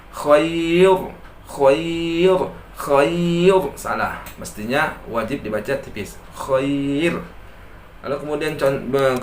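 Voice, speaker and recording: A man's voice: medium pitch, a bit bright. Man teaching recitation in an echoey room. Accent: Indonesian. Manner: patient, repeats each example slowly, contrasts wrong and right readings. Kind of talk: tajweed lesson with recited examples. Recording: echoey room with faint noise.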